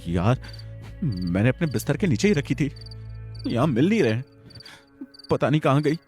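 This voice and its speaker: A man's voice: lowish voice, lively intonation, normal speed, darkish tone, faint music behind, natural voice. A man voicing Vicky, a terrified young man alone at home at night, pleading with his friend in a trembling, panicky way in a Hindi audio story.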